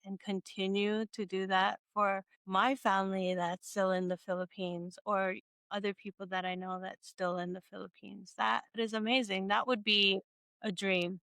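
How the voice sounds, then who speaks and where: A middle-aged woman hosts a casual interview. Her voice is smooth and resonant, recorded dry and close. She rambles warmly, laughs often and restarts her sentences as she thinks aloud. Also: mid-range voice, level tone, moderate pace, no echo. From Hawaii. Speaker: podcast host.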